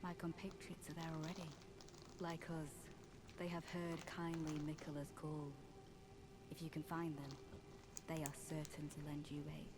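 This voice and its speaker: Leda, a woman voicing a deep-voiced devout warrior. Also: level tone, moderate pace, close to an everyday voice. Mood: solemn. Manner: formal, earnest, archaic speech. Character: solemn devout woman warrior guiding a traveler. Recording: game audio with clear background noise.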